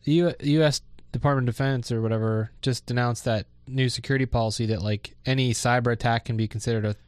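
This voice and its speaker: Man, podcast co-host, offhand and hesitant, middle pitch, dry close sound. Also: steady tone, fast talker, clear, resonant tone, dry recording. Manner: laid-back, hesitant, offhand. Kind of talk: casual tech news chat. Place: dry studio.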